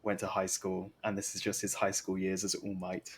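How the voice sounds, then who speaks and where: A young man's low-pitched, monotone voice moves at a moderate pace as he casually commentates a live game stream, reading things aloud and reacting with slangy, rambling jokes. Game music plays, and there's slight background noise.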